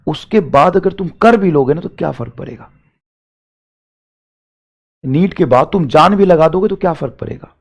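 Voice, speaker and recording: A young man teaching and giving a motivational talk to exam students, emphatic, repeating phrases and swinging between loud urging and quiet asides. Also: sits high.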